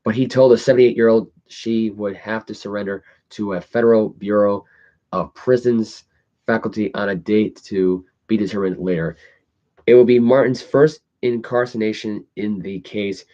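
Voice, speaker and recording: A man with a fairly low voice talks through news stories as a casual podcast host. He reads haltingly and trips over longer words, with loose articulation. The recording sounds dull and lo-fi. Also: steady tone, dark tone. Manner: halting, stumbles over words when reading. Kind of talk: casual news commentary, reading articles aloud. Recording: dull lo-fi audio.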